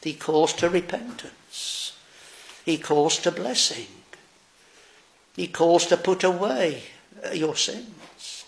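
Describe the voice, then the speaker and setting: A man preaching a sermon, slow, solemn and earnest. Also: high-pitched, vocal fry.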